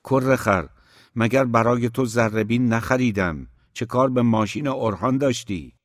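A man's voice: on the low side, steady tone, no room sound, clean studio sound, natural voice. A man voicing a stern, hot-tempered middle-aged father who scolds his sons angrily in a storybook reading. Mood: angry scolding. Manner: angry, scolding.

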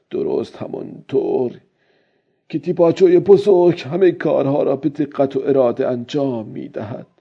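A man's voice: mid-range voice, vocal fry, warm tone, breathy edge, voice pushed up. A man voicing a weary, stubborn old male fisherman who talks to himself in a strained, pleading way, on a dull lo-fi recording.

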